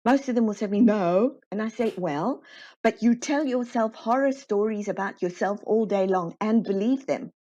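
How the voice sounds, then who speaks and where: A woman guest in an interview, explaining her work in a lively way and acting out the dialogue she quotes. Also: medium pitch, normal speed. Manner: animated, acts out quoted dialogue. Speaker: guest, constellation facilitator. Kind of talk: conversational interview storytelling. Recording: slightly dull, muffled audio.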